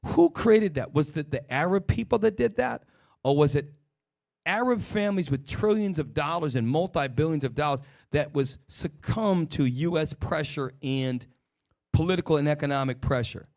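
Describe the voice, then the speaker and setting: In a fairly high, expressive voice that is a little mellow with some vocal fry, a man leads a religious teaching discussion at normal speed. He fires rhetorical questions and gives quick commands to an assistant.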